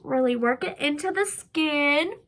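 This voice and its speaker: A young beauty vlogger, sick with a cold, talks through a makeup tutorial in a stuffy, nasal voice. Her pitch is high and her tone fairly bright, and she takes her time, chatting casually with plenty of "um" and "like."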